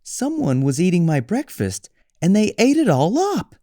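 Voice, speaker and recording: A man's voice: sits high, huge pitch swings, normal speed, mellow, no room sound, studio quality, voice pushed up. A man voicing a small young bear cub, upset and curious, in a children's storybook.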